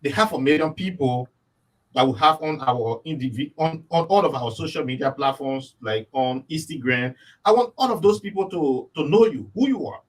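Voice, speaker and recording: A man's voice: on the high side, expressive, normal speed, far from the mic, low-quality recording. A man hosting an interview, earnest and often repeating his words. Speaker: interview host.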